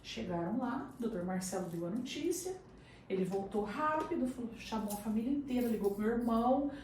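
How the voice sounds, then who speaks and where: Brazilian woman telling a story on a talk show, acts out everyone's lines, kinda high voice, super echoey room, mic far off. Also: fairly quick. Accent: Brazilian Portuguese. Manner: animated storyteller who acts out the other people's lines. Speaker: interview guest. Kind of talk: casual chat, personal storytelling. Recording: very echoey room, distant mic, faint noise.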